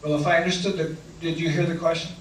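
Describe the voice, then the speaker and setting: This canoe and kayak trip leader speaks quickly in a fairly high, flat voice, picked up by a distant mic in a reverberant room with faint noise. Fielding questions after his talk, he repeats each one back before answering in an earnest, hesitant way.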